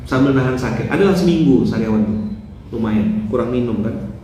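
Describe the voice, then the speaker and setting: A man giving a lively, joking dawn sermon and putting rhetorical questions to his listeners. He is getting over mouth ulcers and speaks with care. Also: mid-range voice, fairly quick. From West Kalimantan, Indonesia. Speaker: preacher. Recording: roomy, distant mic, faint background noise.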